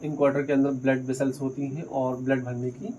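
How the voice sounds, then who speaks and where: A man's voice: mid-range voice, level tone, a little fast, warm tone, muffled recording, slight background noise. Man teaching a biology lesson. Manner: explains step by step, asks and answers his own questions. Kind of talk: whiteboard lesson.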